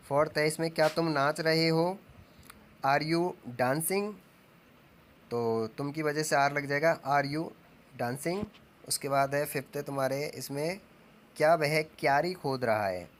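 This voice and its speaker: A man teaching English grammar as a lesson, dictating example sentences slowly and asking questions that he answers himself. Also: mid-range voice, a little hiss or hum. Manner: asks the class questions and answers them himself. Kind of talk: classroom-style grammar lesson.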